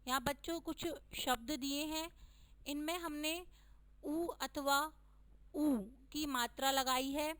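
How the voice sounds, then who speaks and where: A woman teacher giving a recorded lesson to young children, speaking slowly and stressing each vowel sign with care. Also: high voice, fairly even intonation, a bit bright, no room sound, low-quality recording. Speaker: schoolteacher.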